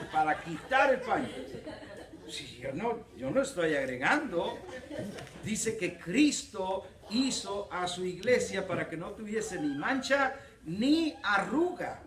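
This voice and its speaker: A man's voice: high voice, fairly bright tone. A man with a Mexican accent preaching a humorous sermon as pastor, joking and acting out little dialogues. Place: church hall. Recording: echoey church hall from far off, crowd laughing. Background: congregation laughing.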